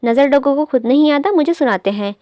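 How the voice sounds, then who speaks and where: A woman reading the part of a sharp-tongued young woman who scolds and grumbles. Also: high voice, expressive, fairly quick, dry recording, voice pushed up. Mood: irritated.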